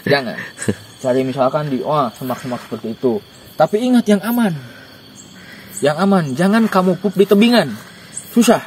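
A young man giving joking, animated camping tips outdoors in a dark forest at night, recorded by a camera a few steps away. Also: fairly high pitch, normal speed, long pauses, a little hiss or hum. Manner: joking, animated, gestures while talking. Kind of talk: casual outdoor interview. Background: faint insects and crickets.

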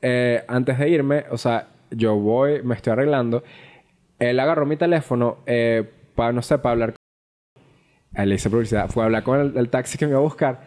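A young man, co-hosting a podcast and telling a personal story in a casual, animated, swear-filled way. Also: mid-range voice, normal speed. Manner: animated, profane, acts out quoted dialogue. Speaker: podcast co-host.

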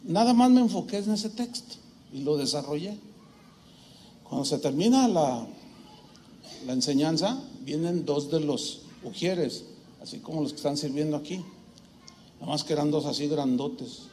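A man with a Mexican accent, a pastor preaching a sermon in church, telling a personal story in an animated way with humorous asides. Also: on the high side, normal speed, long pauses, a little hiss or hum.

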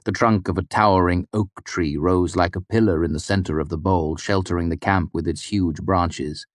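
Deep-voiced male audiobook narrator. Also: fairly even intonation, no echo, studio quality. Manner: measured, storytelling delivery. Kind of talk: scripted first-person narration.

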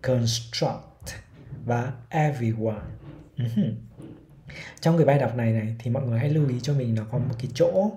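A man with a Vietnamese accent giving a casual pronunciation lesson, slowly demonstrating sounds and repeating example words. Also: medium pitch, lively intonation, dark tone, a little hiss or hum. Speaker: English pronunciation teacher.

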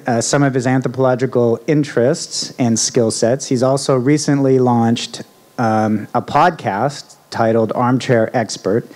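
A man in his forties, a department chair, giving a formal introduction at an outdoor podium mic with halting fillers. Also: medium pitch, darkish tone. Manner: halting, with fillers and restarts, reading a list. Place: outdoor university ceremony stage. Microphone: podium mic on stand.

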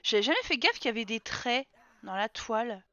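Bright high-voiced woman streamer. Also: expressive, fairly quick, no room sound. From France. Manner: chatty, teasing, talks to her game characters. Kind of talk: casual gameplay commentary. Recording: dull lo-fi sound with game music behind.

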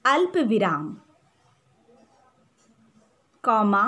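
A woman teacher with an Indian accent giving a slow, deliberate grammar lesson for young children. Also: mid-range voice, very animated, bright, forceful tone. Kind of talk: recorded online grammar lesson.

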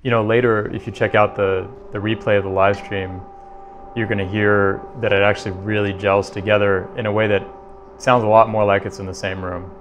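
A man hosting a music livestream from his home studio in a relaxed chat, reading viewer comments aloud on a talk mic. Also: on the low side, brisk, lo-fi sound, slight background noise. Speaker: livestream host and pianist. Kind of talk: casual chat.

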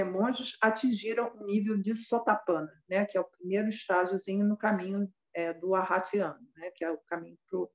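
A woman retells a Buddhist story as a dharma teacher. She speaks in a chatty way and keeps adding little filler tags. Her voice sits at an ordinary, middle pitch. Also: darkish tone, echoey room. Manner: conversational, frequent filler tags.

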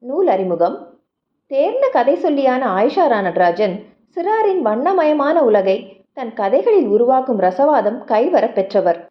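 A woman with a high, sing-song voice reads a children's story aloud, her pitch leaping up and down as she draws young listeners in. The recording is a little dull and lo-fi. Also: unhurried. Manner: lively, expressive storytelling addressing young listeners. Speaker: audiobook reader.

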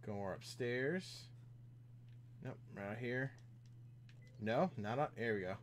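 Streaming a video game, a man chats casually and ramblingly with viewers as he plays. His voice is medium-pitched with lively intonation and an unhurried pace, and there's a little hiss or hum.

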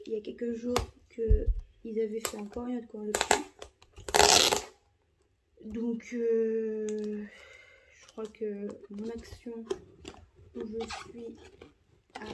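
A woman giving casual unboxing commentary in a halting, soft-spoken way, with many fillers and repeated words. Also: a little high, noisy background. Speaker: vlogger.

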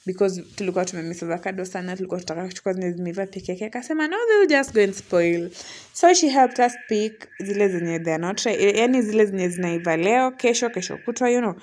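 A young woman with a Kenyan accent narrating a casual vlog, chatty and quick to laugh. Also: medium pitch, a little mellow. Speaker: vlogger. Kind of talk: casual vlog voice-over mixing English and Swahili slang.

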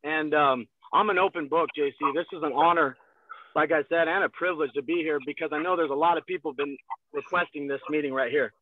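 A man in his twenties giving an energetic motivational sales talk from a car, heard over a video call. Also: fairly high pitch, a little fast, no echo. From Texas. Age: 20s. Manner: energetic, gestures a lot, repeats phrases. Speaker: guest salesman. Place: in a parked car. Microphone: phone on a video call. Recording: thin phone-like video call audio.

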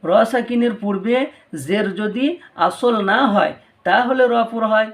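In a patient, step-by-step tutorial, a man teaches the rules of Quran recitation, going over each one twice. He speaks in a Bangladeshi Bengali accent, his voice sitting high and his pace unhurried.

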